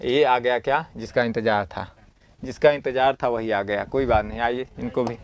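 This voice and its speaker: A man's voice: mid-range voice, moderate pace. Man, Sanskrit teacher, exam-prep lesson, reads text then explains it, asks and answers his own questions, encouraging. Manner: asks the class questions and answers them himself; homely and encouraging, with everyday comparisons.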